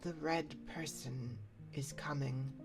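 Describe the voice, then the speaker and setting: A woman voicing an ominous old cow-headed woman monster in a slow, weak voice, as whispered role-play. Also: low voice, music in the background. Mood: eerie.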